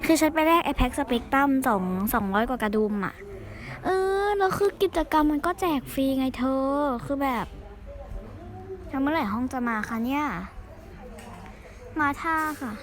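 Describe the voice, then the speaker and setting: A woman's voice: high-pitched, measured pace, long pauses. A young woman hosting her gaming channel, chatting and swearing freely as she comments on the game she is playing at home. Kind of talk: casual live gameplay commentary. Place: room at home with a fan running.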